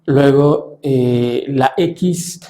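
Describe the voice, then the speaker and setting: A man explains letter sounds to a class in a steady, measured way, pausing often on fillers. His voice is mellow, and the room gives it a noticeable echo. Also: mid-range voice. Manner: measured, halting with frequent fillers. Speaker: French teacher.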